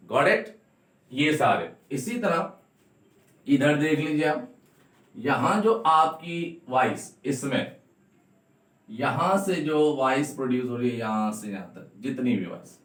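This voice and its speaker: Slow, patient male teacher, echoey room. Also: mid-range voice, animated, fairly bright tone, recorded from a distance. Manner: slowly repeats and drills each sound, spells words letter by letter. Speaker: English teacher. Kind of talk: classroom-style phonetics lesson.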